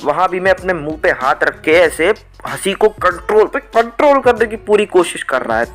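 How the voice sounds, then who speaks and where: A man's voice: high voice, normal speed, faint music behind. A young man from India casually telling a school story, rambling with restarts and acting out his teachers. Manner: rambling, animated, restarts often, acts out teachers. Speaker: storytime vlogger.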